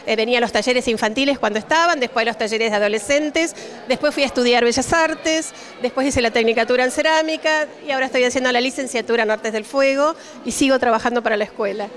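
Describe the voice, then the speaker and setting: A woman's voice: on the high side, fast. A middle-aged woman from Cipolletti with an Argentine accent, a ceramics teacher answering interview questions with many "eh" fillers into a handheld mic indoors. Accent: Argentine Spanish. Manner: warm-hearted, many "eh" fillers. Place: indoor exhibition hall. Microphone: handheld reporter mic.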